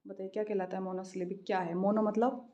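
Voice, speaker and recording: An Indian woman teaching English literature in an exam practice lesson, reading each question slowly and then explaining quickly in a mix of Hindi and English. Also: medium pitch, level tone, dark tone, dull audio. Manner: repeats "theek hai" after each answer.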